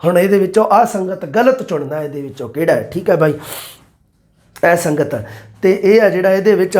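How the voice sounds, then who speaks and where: A man, an exam-prep teacher explaining multiple-choice answers and quoting verses slowly. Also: fairly high pitch, darkish tone. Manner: addresses listeners as "bai", quotes verses slowly.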